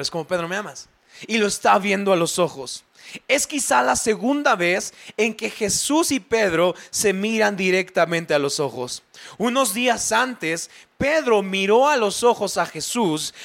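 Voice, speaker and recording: High-voiced preacher. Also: male voice, vocal fry, a bit bright. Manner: vivid storytelling with repetition. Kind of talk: sermon.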